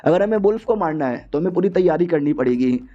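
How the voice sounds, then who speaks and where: A man's voice: a little high, expressive, quick pace, mellow, dull audio, natural voice. A man voicing a small girl who is clingy and scared, speaking in a whiny, pleading way. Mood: chatty.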